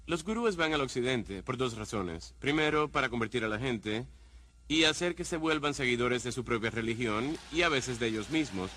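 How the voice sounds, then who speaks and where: A man's voice: mid-range voice, animated, normal speed, pushed and bright. A man explaining analytically in a dubbed documentary interview.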